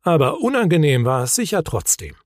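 Man doing a calm self-important troll father. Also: fairly high pitch, no echo, studio quality, voice pushed up. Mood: wondering. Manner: measured, calm.

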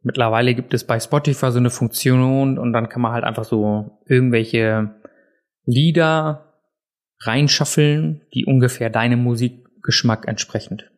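A man's voice: medium pitch, fairly even intonation, measured pace. A man hosting his own podcast, chatting casually and self-deprecatingly with frequent filler sounds, seated indoors at a desk mic. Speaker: podcast host. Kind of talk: casual solo podcast chat. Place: seated indoors in a room set up for recording. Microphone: podcast mic on a desk, also filmed for video.

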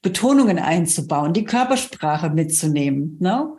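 Woman, podcast host, lowish pitch, casual chatty talk, tag questions. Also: sing-song, moderate pace, mellow. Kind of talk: casual interview chat.

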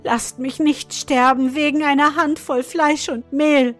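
A small, frightened dwarf cook pleads in a high, trembling voice, as a woman reading the tale plays him. Soft music lies faintly underneath. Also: fairly even intonation, measured pace. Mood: pleading. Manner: begging, trembling.

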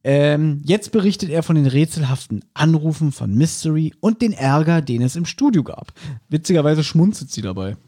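A man's voice: fairly high pitch, lively intonation, normal speed, mellow, husky. A man co-hosting a podcast who chats casually and retells scenes of a radio drama, quoting the characters as he goes. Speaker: podcast co-host.

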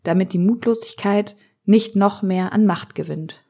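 A woman voicing a kindly, gentle small old woman who speaks tenderly and soothingly, in a storybook reading. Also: mid-range voice, unhurried. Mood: comforting.

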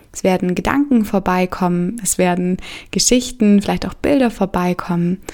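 With a mid-range voice, a woman leads a guided meditation, her delivery soft and calming, with gentle pauses separating each phrase.

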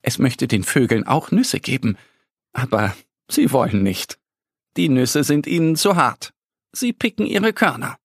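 A man narrating a children's audio story in a gentle storytelling manner with a husky voice. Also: mid-range voice, animated, unhurried, no echo, clean studio sound.

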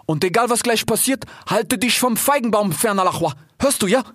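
A man's voice: high-pitched, animated, brisk, sharp tone, breathy edge, dry recording, clean studio sound, pitched above the performer's own voice, full character voice. A man doing a fretful old fox father. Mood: scolding. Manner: anxious, ends phrases with "ja?". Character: worried, stern fox father.

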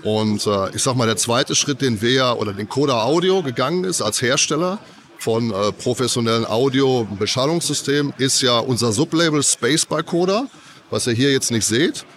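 Speaking for an audio company at a trade fair, this man has a cold and rambles through the tech with plenty of fillers in a relaxed interview. His voice sits at medium pitch, expressive and slightly bright, at a moderate pace.

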